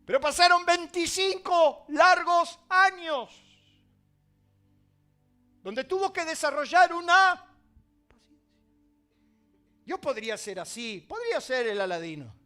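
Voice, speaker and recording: Argentine male pastor, high bright voice, dramatic sermon delivery with soft music beneath. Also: animated, measured pace, pauses often. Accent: Argentine Spanish. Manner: dramatic, swings from loud emphasis to quiet asides.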